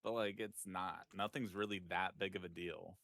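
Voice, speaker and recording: A man in his thirties in a casual stream chat, talking in a relaxed, thoughtful and candid way. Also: deep voice, normal speed, creaky, no echo, clean studio sound. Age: 30s. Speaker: streamer guest.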